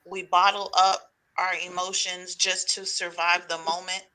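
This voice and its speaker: Supportive 40-something woman guest, really bright voice, thoughtful. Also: lowish voice, level tone, unhurried, rough recording. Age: 40s. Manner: affirming, thoughtful. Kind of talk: supportive casual conversation.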